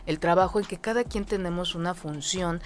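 A woman, talking in a measured, reflective way and often checking in with "¿no?". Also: fairly low pitch, slight background noise. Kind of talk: reflective conversation.

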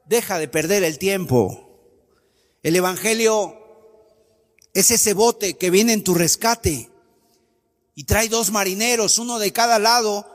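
A man preaching a sermon with an emphatic, sing-song cadence. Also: high-pitched. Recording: long hall reverb.

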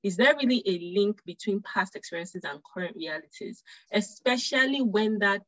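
A woman's voice: medium pitch, lively intonation, normal speed, a bit bright, no echo. A woman host with a mid-range voice asks questions and keeps affirming her guest. The audio is dry and dull, with no room sound. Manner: affirming, frequent murmured agreement. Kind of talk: interview hosting.

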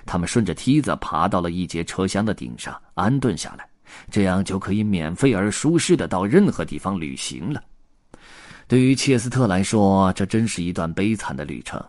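A man reading a children's story aloud, expressive and voicing the characters. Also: deep voice, moderate pace, dry recording, studio quality.

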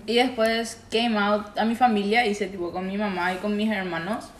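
A woman's voice: medium pitch, level tone, moderate pace, reverberant, slight background noise. A young woman with a Paraguayan Spanish accent, a podcast host chatting casually and mixing in English words. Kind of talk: casual chat.

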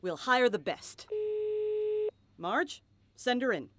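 A woman's voice: a little high, animated, slow, very noisy. A woman voicing an entitled rich lobbyist who talks brashly and swears.

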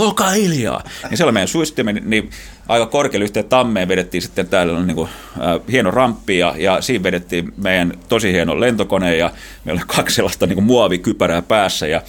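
A middle-aged man from Finland tells adventure stories as an interview guest. His voice sits low but moves up and down a lot. He laughs often and restarts his sentences as he goes. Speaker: guest, explorer. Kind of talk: casual storytelling.

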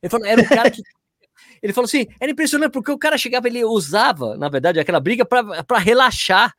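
A man's voice: extremely high pitch, fast, no echo, studio quality. A man co-hosting a casual chat and telling anecdotes with animation. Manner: animated storyteller. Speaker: co-host.

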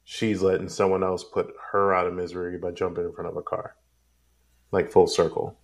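A man's voice: low-pitched, flat delivery, normal speed. A man hosting a casual film discussion, rambling and drifting into tangents.

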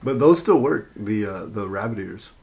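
A man co-hosting a casual podcast, teasing his partner and tossing in quick interjections. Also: fairly low pitch, lively intonation, vocal fry, a little mellow. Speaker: podcast co-host. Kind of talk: casual chat.

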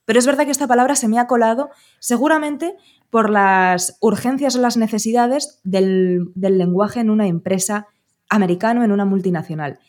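A woman's voice: medium pitch, moderate pace, a little mellow. A young adult woman hosting a podcast in casual, playful chat, teasing her guest and laughing often. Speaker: podcast host.

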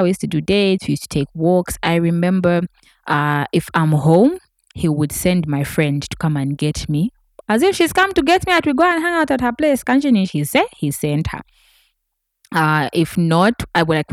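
A woman tells a story in a casual, chatty way. She talks straight to her viewers. Her voice sits low, and the recording is close and dry. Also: no room sound. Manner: chatty, addresses viewers directly, animated. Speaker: vlogger.

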